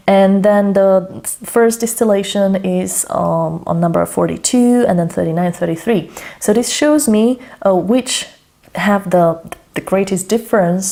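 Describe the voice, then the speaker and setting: Her voice is lowish, creaky and warm: a language mentor whose first language is Slovak, walking through how she studies. She thinks out loud while showing the method, chatting, self-correcting and frequently asking "okay?".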